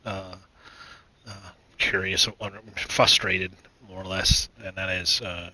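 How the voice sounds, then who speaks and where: A man from the United States hosting his own gaming channel, chatting casually and rambling with many fillers, restarts and throat clearing. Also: sits low, sharp tone, rough recording. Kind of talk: casual gaming news chat.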